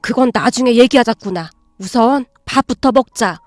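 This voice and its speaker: A woman doing a kind, patient middle-aged mother in a radio story, speaking softly and soothingly in a slightly old-fashioned way. Her voice sits high, close and dry, with faint music underneath. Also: normal speed, no room sound, close to an everyday voice. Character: gentle, long-suffering middle-aged stepmother.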